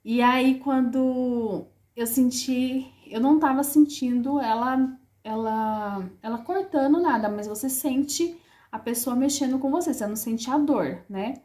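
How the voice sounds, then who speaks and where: Mother, fairly high mellow voice, heartfelt rambling storytelling, lots of fillers. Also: measured pace. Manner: heartfelt, repetitive, full of fillers. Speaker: mother telling her birth story. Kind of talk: casual personal storytelling.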